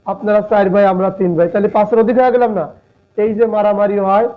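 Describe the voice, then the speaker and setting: A man teaching a casual online law class, explaining in plain colloquial talk and acting out everyday examples. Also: high-pitched. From Bangladesh. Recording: tinny phone-line sound.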